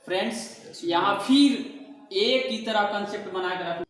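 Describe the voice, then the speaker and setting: A man's voice: high-pitched, normal speed. Echoey Hindi-accented man teaching grammar. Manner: asks the class questions and answers them himself, stretches out key words. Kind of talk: classroom grammar lesson. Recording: echoey room, distant mic, faint hiss.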